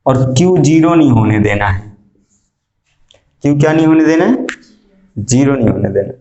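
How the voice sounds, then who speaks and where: A male math teacher lecturing a classroom, quizzing students and repeating key statements slowly. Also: medium pitch, darkish tone, lo-fi sound. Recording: echoey classroom.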